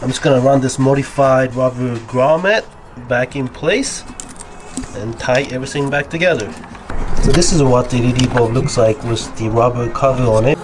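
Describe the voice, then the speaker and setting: Speaking at a moderate pace over music, a young man with a mid-range voice and a cold-blocked nose chats his way through a motorcycle install. It's a relaxed how-to vlog filmed in his garage, explaining each step as he goes.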